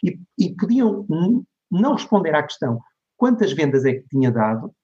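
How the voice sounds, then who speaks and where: Man with a European Portuguese accent, higher voice. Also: sing-song, moderate pace, mellow. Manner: recounts anecdotes, voicing the people he quotes. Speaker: guest, digital marketing lecturer. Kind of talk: conversational interview storytelling. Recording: dull lo-fi recording.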